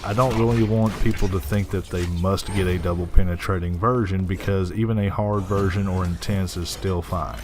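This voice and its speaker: A man with a Southern US accent giving easygoing game commentary over his footage, pausing often on filler words. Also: deep voice, a little hiss or hum. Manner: easygoing, with frequent filler pauses. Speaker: gameplay commentator. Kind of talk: post-recorded game commentary. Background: game music and gunfire.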